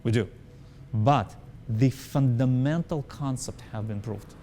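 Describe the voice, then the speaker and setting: A faint hiss or hum sits beneath this man's mellow, medium-pitched voice as he speaks at a slow pace. Not a native English speaker, he's a company founder answering interview questions with emphasis, repeating himself and adding "right?" to check in.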